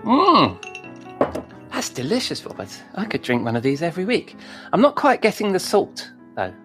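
A man's voice: fairly high pitch, very animated, fairly quick, faint music behind. A man hosting a podcast, chatting in a jovial, wry way and often murmuring agreement. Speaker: podcast host. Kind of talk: casual podcast chat.

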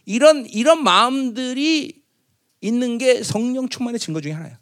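A man's voice: extremely high pitch, lively intonation, normal speed. A middle-aged man preaching a Christmas sermon as pastor, chatty with his congregation, often asking them to agree, and acting out boastful proclamations. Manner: conversational, teasing the congregation with tag questions; acts out loud proclamations in a raised voice.

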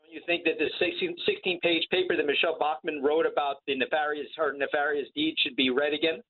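A man calling in to a radio talk show, heard over the phone, speaking earnestly in halting phrases with fillers. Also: on the high side, steady tone. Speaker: caller. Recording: tinny phone line.

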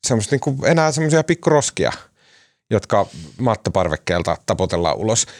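A man's voice: lowish voice, no echo, clean studio sound. Leikkisä, hieman matala miesääni. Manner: lively, playful, asks questions. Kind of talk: casual discussion.

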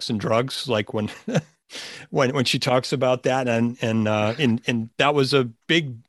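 A man co-hosting a podcast, giving an unscripted introduction in a halting, searching manner. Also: mid-range voice, no room sound, clean studio sound. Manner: halting, hesitant, trailing restarts. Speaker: podcast co-host.

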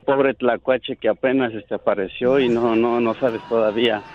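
A man's voice: medium pitch, fairly even intonation, moderate pace. A male caller arguing defiantly on a prank phone call. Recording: tinny phone line with hiss.

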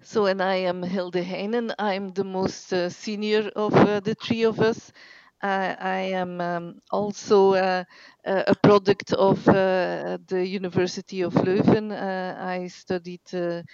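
A middle-aged woman from Belgium who speaks in a flat, monotone voice with a gravelly edge. She answers hesitantly and fills her speech with many pauses and fillers. The recording sounds dull, lo-fi and dry. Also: medium pitch, no echo. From northeast Belgium. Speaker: professor, interview guest. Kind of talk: casual interview answers.

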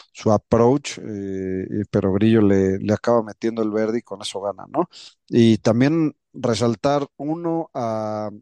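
Low-voiced man, dry sound. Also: dark tone, dry recording. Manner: colloquial, hesitant with repeats. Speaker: podcast co-host. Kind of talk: casual golf chat.

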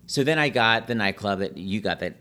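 A middle-aged man telling stories in a casual, animated chat, full of "like" and quick asides. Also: on the low side. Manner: chatty, animated, peppered with "like".

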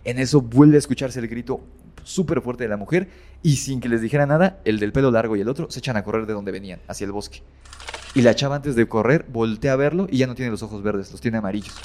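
A man's voice: medium pitch, darkish tone. A man casually retelling a horror story as a guest, rambling with many fillers and self-corrections.

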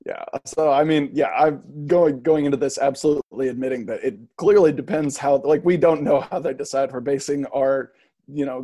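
A man's voice: mid-range voice, dark tone. A young adult man co-hosting a sports podcast, easygoing, thinking aloud in casual chat.

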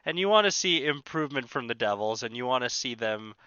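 A man's voice: mid-range voice, animated, fairly quick, pushed and bright, clean tone, no echo, lo-fi sound. A man co-hosting a hockey podcast in casual chat, thinking aloud as he talks. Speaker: podcast co-host.

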